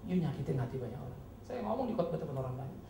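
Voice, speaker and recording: A male pastor preaching a sermon in an animated, mocking way that swings between loud outbursts and low, earnest tones. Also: rapid-fire, creaky, reverberant, background noise. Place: church hall.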